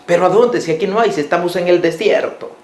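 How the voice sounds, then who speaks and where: A preacher doing a fed-up old prophet. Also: male voice, high-pitched, quick pace, a little mellow, reverberant, pitched above the performer's own voice, lightly acted. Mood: exasperated. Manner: complaining, fed-up pleading. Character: exasperated old male desert prophet-leader.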